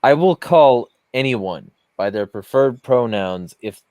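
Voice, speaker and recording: A man's voice: mid-range voice, animated, slow pace, a little mellow, no echo. A man hosting a podcast who rants bluntly and swears often in casual heated talk. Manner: blunt, profane, ranting. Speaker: podcast host.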